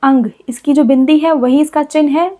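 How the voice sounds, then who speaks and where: A woman teacher explaining Hindi vowel signs to children, repeating example words slowly and patiently. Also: high-pitched, fairly even intonation, dark tone.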